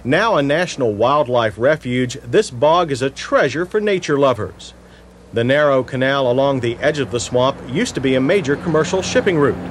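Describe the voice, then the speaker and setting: Lively man narrating a car review. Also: mid-range voice, normal speed, slight background noise. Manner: lively, wry delivery. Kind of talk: scripted voice-over narration.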